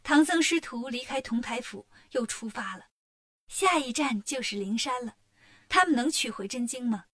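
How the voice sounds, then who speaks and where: A woman narrating a children's story in a clear, lively storytelling manner. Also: on the high side, normal speed.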